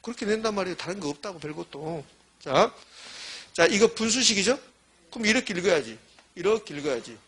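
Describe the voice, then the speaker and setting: A man's voice: high-pitched, animated, brisk, a bit bright, breathy edge. A middle-aged man giving a classroom lecture, quizzing students and answering his own questions while repeating key terms. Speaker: real estate exam lecturer.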